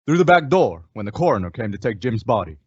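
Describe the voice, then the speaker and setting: In an old-time western radio drama, a male actor plays a calm masked cowboy hero, speaking in a measured, reassuring way. His voice is medium-pitched and slightly rough, on a dry, lo-fi recording.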